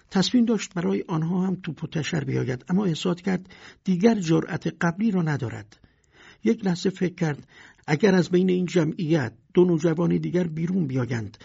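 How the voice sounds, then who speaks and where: A man narrating a storybook with a lively, dramatic reading. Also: a little high, vocal fry, slightly rough. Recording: dull lo-fi recording.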